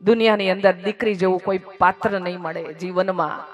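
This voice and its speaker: A man giving a devotional storytelling sermon, his speech swelling loud and then dropping almost to a whisper, and repeating phrases in rhythmic lists. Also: high voice, fairly even intonation, fairly quick, soft background music. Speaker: katha storyteller.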